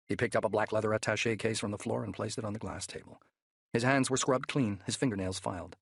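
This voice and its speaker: Guy reading a thriller audiobook, husky low voice, dry close mic. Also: dry recording. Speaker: audiobook narrator. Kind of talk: scripted thriller narration.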